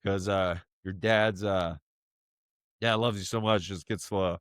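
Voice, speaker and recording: A father speaks straight to his young son in a personal video message, choked up and halting, leaning on fillers as he searches for words. His delivery is very slow and unhurried, and the sound is dry and close with no room around it. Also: low-pitched, steady tone, fairly bright tone, clear, resonant tone, no room sound. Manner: halting and emotional, many fillers.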